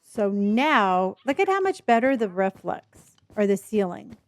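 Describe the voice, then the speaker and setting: Slow-talking woman who says w for r. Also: medium pitch, very animated, no room sound. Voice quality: speech impediment, cannot pronounce R's, says w for r. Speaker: live streamer. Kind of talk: casual live game stream commentary.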